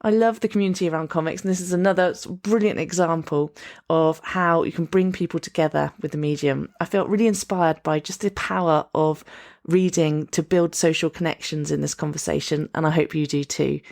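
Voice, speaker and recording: A woman's voice: low-pitched, steady tone, a little fast, creaky, a little mellow. A woman hosting a podcast interview, enthusiastic and upbeat as she introduces and questions her guest. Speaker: podcast host.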